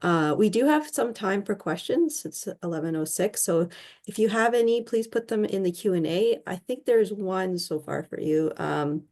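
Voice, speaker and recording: Gravelly-voiced woman moderating a conference. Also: mid-range voice, animated, moderate pace, darkish tone. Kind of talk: moderating questions.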